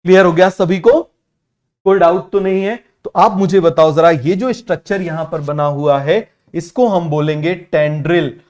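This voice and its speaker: A male teacher giving an online biology lesson in Hindi-English mix, repeating key terms and urging students to answer quickly. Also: a little high, a little mellow. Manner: repetitive, keeps asking students to answer quickly; drills terms by repeating them slowly.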